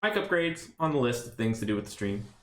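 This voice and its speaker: A man's voice: mid-range voice, lively intonation, fairly quick, a bit bright, echoey room. A man streaming a card game, thinking aloud in casual play-by-play commentary with rambling, self-mocking asides. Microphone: desk stream mic.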